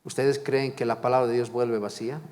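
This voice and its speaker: A man's voice: medium pitch, steady tone, a little fast, a little mellow, big-room sound. A man preaching a sermon as pastor, fervent and repetitive, asking the congregation question after question. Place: church.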